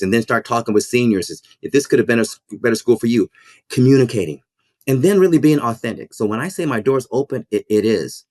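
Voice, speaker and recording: Earnest low-voiced man, halting. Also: dry recording, clean studio sound. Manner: halting, repeats words while thinking. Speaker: school principal and minister. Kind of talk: podcast interview.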